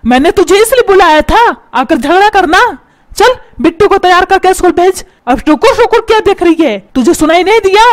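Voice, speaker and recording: A woman doing a grumpy shouting cartoon father. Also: very high-pitched, animated, a little fast. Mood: scolding. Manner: shouts and scolds, calls names. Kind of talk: comedy cartoon dubbing.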